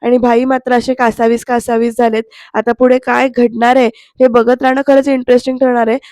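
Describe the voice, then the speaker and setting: A woman's voice: on the high side, level tone, fairly quick, darkish tone, dry recording, clean studio sound. A woman narrating a voice-over review, retelling scenes and acting out the quoted dialogue. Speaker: serial reviewer.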